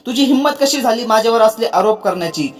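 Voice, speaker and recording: A storyteller voicing a young husband loudly protesting his innocence, in a read-aloud story. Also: very high-pitched, lively intonation, quick pace, soft background music. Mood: indignant. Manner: loud, indignant. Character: young husband feigning anger.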